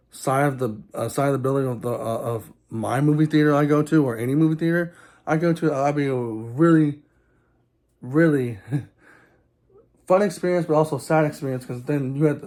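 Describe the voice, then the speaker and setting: A man's voice: medium pitch, a little mellow. A man from Texas giving a casual, rambling movie review for his channel, with lots of ums and restarts. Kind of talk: casual film review vlog.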